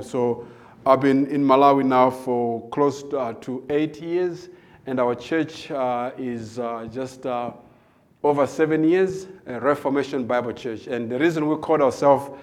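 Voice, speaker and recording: Man, guest preacher, mid-pitch voice, halting testimony delivery with frequent pauses. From South Africa. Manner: hesitant, many filler pauses. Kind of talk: personal testimony before a sermon.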